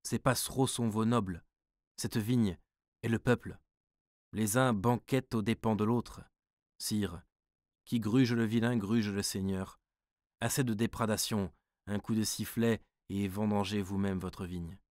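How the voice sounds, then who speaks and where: Give me an earnest middle-aged townsman, as a man plays him, pleading, measured. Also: lowish voice, fairly even intonation, a little mellow, no room sound, clean studio sound, close to an everyday voice.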